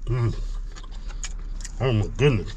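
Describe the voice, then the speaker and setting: A man's voice: medium pitch, takes it slowly, a little hiss or hum. Man chewing while talking, savoring food. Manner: relaxed, slangy, savoring food aloud. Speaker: food vlogger. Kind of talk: casual mukbang vlog. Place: inside a parked car.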